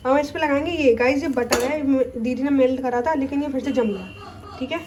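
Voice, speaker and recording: A young woman tells a story to her phone camera at home, in a chatty and talkative way. Her voice sits high, and a faint hum of ambience runs behind her. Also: moderate pace, darkish tone. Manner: chatty, peppers speech with "okay". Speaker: family vlogger. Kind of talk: casual chat, cooking then storytime. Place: home, kitchen then indoors.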